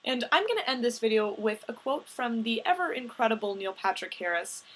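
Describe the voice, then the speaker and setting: A young woman with a somewhat high voice speaks in a casual, direct-to-camera vlog. She is earnest and emphatic, and now and then she swears for force. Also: very animated, fairly quick, fairly bright tone. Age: young adult. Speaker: vlogger.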